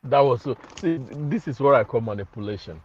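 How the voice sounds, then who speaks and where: A man's voice: mid-range voice, expressive, fairly quick, darkish tone, breathy edge. Man on a choppy, cutting-out call. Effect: choppy connection cutting out mid-word. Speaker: guest on a video call. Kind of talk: casual chat. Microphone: remote call audio. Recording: dull lo-fi call line.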